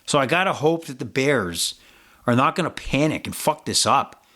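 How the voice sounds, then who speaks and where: A man's voice: medium pitch, expressive, moderate pace, pushed and bright. Rambling, swearing male podcast host. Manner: rambling, swears freely, frequent fillers and restarts. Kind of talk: casual sports-betting chat.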